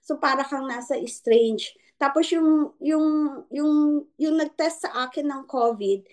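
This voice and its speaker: A woman in her fifties, a nurse, telling an emotional personal testimony with vivid storytelling and many pauses. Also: sits high. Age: 50s. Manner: vivid storytelling, acting out dialogue with frequent pauses. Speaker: guest sharing a testimony.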